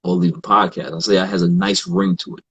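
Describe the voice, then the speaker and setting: Relaxed husky man telling stories. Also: deep voice, quick pace. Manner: relaxed, quotes others in animated asides, frequent fillers. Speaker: podcast guest. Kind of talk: casual storytelling in conversation.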